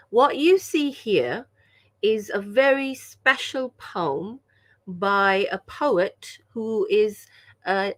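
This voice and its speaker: With a medium-pitched, slightly bright voice, this Pakistani woman runs a language workshop online via video call. She's chatty and enthusiastic, frequently tossing out "yeah?" to check in with participants.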